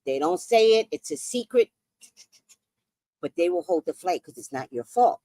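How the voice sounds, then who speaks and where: A woman's voice: on the low side, lively intonation, normal speed, mellow, no room sound. A woman in her sixties telling a story in a casual, profane, dramatic way as a podcast host. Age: 60s.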